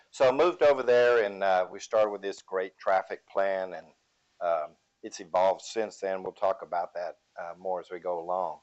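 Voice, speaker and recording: A man introducing himself on a conference panel as a police chief, plainspoken with dry humor. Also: on the low side. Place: conference room. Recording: dull lo-fi room audio.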